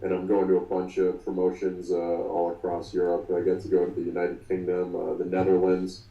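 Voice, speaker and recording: A man's voice: deep voice, completely flat delivery, dark tone, echoey room, far from the mic, muffled recording. A man in his twenties talking through an interview as the guest, often restarting and filling with ums. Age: 20s. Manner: halting, many restarts and fillers. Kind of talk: casual interview.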